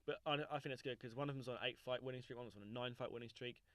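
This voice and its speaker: Fast-talking young man hosting a podcast. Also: medium pitch, steady tone, a bit bright, dry recording. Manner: chatty, quick, laughing. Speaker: podcast host. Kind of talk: casual chat.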